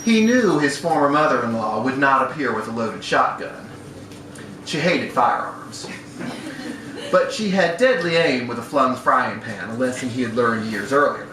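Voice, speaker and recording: This man's voice sits at medium pitch, expressive and moderately paced, as he performs a wry storyteller's reading of a literary short story. It's a live event in a bar room, captured with a distant mic in a noisy, echoey space.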